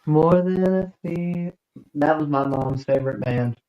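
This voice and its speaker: A man's voice: on the high side, a little slow. Man on a dull, lo-fi mic. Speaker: co-host. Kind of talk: casual chat.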